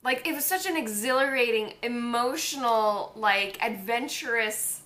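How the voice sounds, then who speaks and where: A young woman vlogger in casual chat, excitable and quick to laugh, peppering her talk with "dude" and "like.". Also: a little high.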